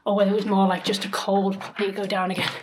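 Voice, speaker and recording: A woman's voice: mid-range voice, little pitch movement, quick pace, noisy background. A woman vlogging casually, chatting and thinking aloud as she explores outdoors. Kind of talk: casual vlog narration. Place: outdoors and in a small underground cellar.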